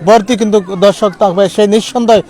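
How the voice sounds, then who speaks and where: A man's voice: high-pitched, fairly even intonation, fast talker, darkish tone. A man making a formal announcement at an outdoor football match, with hesitations.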